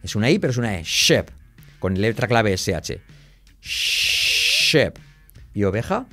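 A man teaching English pronunciation to the viewer, modeling sounds slowly and drilling them in repeated rounds. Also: on the low side, very animated, faint music behind. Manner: speaks to the viewer directly and often checks in with "¿vale?".

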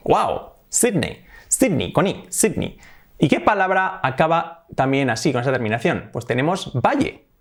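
A man from Spain with a Spanish accent, teaching English pronunciation in a casual lesson, repeating words slowly and chuckling now and then. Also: mid-range voice. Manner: lively, repeats words with drawn-out emphasis, chuckles.

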